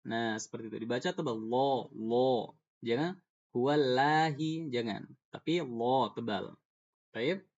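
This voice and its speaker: A man's voice: mid-range voice, unhurried, a little mellow, lo-fi sound. A man teaching Quran recitation in an online class, patiently explaining and repeating sounds to demonstrate them. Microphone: video call.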